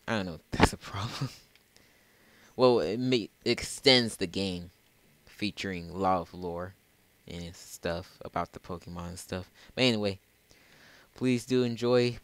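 A man's voice: low-pitched, no echo. A man hosting a casual let's play, rambling and often correcting himself. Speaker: gamer, channel host.

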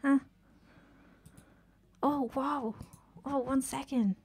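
A woman's voice: high-pitched, fairly even intonation, darkish tone. Chatty, swearing woman streamer. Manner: chatty, swears often, quick exclamations and giggles. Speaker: game streamer. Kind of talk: casual live-stream commentary while playing.

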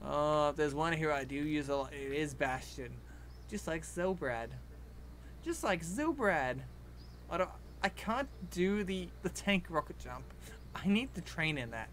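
A man chatting excitedly as he opens loot boxes in a game, with frequent delighted exclamations and chuckles. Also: a little high, unhurried, slight background noise. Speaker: gaming video creator. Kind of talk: live commentary on opening game loot boxes. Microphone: desktop computer microphone. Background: loud game music.

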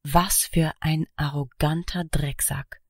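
A fed-up, stubborn young woman, read by a woman narrator, low-voiced and indignant. She sounds exasperated, as in a storybook read aloud in a dry, close recording. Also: fairly even intonation, slow pace, darkish tone, dry recording, heavily acted. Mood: irritated.

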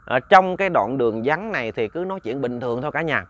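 A man's voice: medium pitch, animated, fast talker. A man narrating a ghost story in a chatty, casual way, often repeating words and talking to listeners like family.

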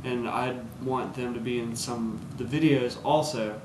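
A man's voice: medium pitch, steady tone, normal speed. A young man co-hosting in casual chat, rambling and giggly with many ums, on a handheld camera. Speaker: co-host. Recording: echoey room with background noise.

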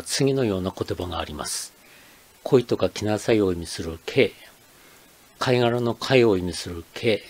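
Older man, low voice, measured scripted narration for a dialect lesson video. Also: darkish tone. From Akita, Japan. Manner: measured, explanatory reading. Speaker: channel host.

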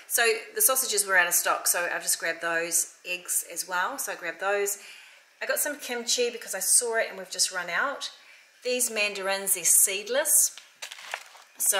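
A woman's voice: medium pitch, sharp tone, low-quality recording. A woman, chatting upbeat and rambling to camera at home about her week. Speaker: lifestyle vlogger. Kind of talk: casual chat to camera. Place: home room, then kitchen table.

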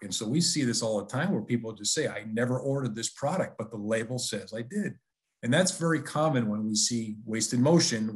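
Male webinar presenter, conversational and persuasive, average pitch. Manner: conversational, persuasive, with frequent restarts.

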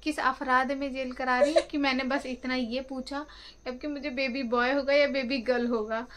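A woman's voice: high-pitched, level tone, moderate pace, a bit bright. A woman vlogging at home, talking casually and directly to her viewers as friends, recorded on a phone camera on a tripod. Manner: chatty, talks straight to her viewers as friends. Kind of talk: casual home vlog chat.

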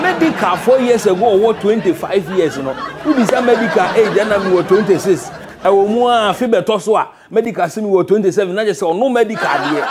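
A man with a Ghanaian West African accent hosts a satirical comedy news show. His voice sits very high for a man and he speaks theatrically, repeating phrases for effect. Noise and crowd sound sit behind his voice. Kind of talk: comic satirical news commentary. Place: indoor TV studio set. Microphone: lapel mic.

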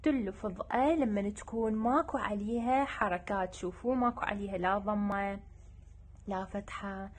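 A young woman with an Iraqi Arabic accent, teaching a children's lesson and repeating each sound slowly and patiently. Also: medium pitch.

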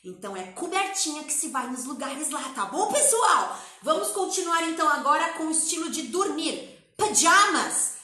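A Brazilian woman teaches an English lesson with energy, drilling words and repeating phrases. Her voice sits high and sounds bright and forward. The room around her rings with a noticeable echo. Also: sing-song, moderate pace. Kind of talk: lively classroom-style language lesson.

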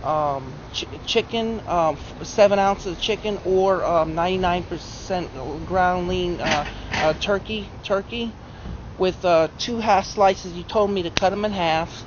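A young man answering questions outdoors in a parking lot, halting and full of fillers and restarts. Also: sits high. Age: young adult. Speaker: client on a diet plan. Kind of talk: casual outdoor interview. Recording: dull audio with outdoor noise.

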